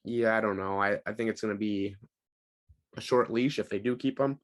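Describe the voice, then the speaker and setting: A man's voice: fairly low pitch, steady tone, normal speed. A young man co-hosting a podcast, chatting casually about sports with frequent ums and easy laughs. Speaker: podcast co-host.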